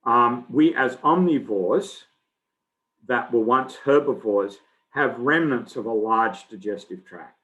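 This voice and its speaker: A middle-aged man from Australia, giving a relaxed, conversational biology lecture full of fillers. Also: medium pitch, takes it slowly, rough recording. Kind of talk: recorded lecture.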